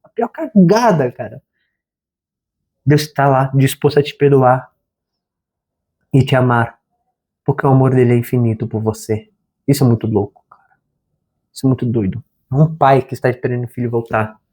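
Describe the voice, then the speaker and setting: A man's voice: medium pitch, normal speed, pauses often, dark tone. A man talks straight to the camera about faith in a loose, chatty way. He leans on slang and keeps dropping "cara" as he goes. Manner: informal and conversational, slangy, says "cara" often. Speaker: therapist and channel host. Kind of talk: casual spiritual talk to camera.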